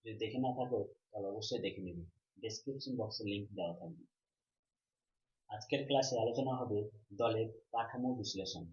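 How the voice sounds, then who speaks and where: A man's voice: fairly low pitch, a little fast, pauses often, darkish tone. Male teacher, repetitive question-and-answer delivery, echoey, slightly muffled recording. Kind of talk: online grammar lesson. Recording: roomy, slightly dull recording.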